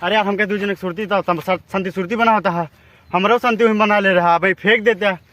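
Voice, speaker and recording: A man's voice: high-pitched, steady tone, brisk, a bit bright. A man with an Awadhi accent acting in a comedy sketch as a complaining village addict who craves tobacco and ganja.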